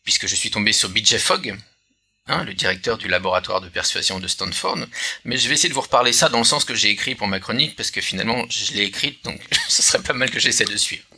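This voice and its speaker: A man's voice: on the low side, expressive, quick pace, gravelly, pushed and bright, husky. A man hosting a casual podcast chat, hesitant, with many filler sounds and restarts. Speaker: podcast host.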